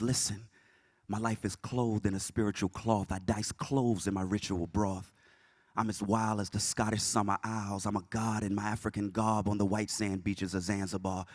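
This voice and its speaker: A man from the South Carolina Low Country performing spoken word poetry in a rhythmic, chanting delivery. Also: dry recording, studio quality.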